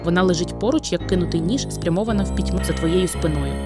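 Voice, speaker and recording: A woman's voice: fairly low pitch, quick pace. A woman reading a second-person dramatic story aloud in an intimate, dramatic storytelling manner. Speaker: narrator. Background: background music.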